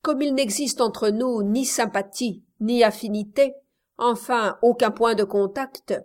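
A woman's voice: a little high, a little slow, darkish tone, lightly acted. A woman voicing a cold, vain young man from a village who speaks curtly and impatiently in a storybook reading. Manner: curt, impatient delivery.

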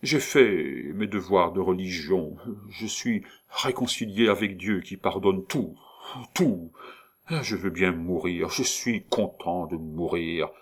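A man reading as a feverish count in his sickbed, low-voiced and frightened, stammering his pleas. His words come slowly and tremble with dread, read aloud from a storybook. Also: full character voice. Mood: anguished. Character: frightened, feverish sick male count, pleading.

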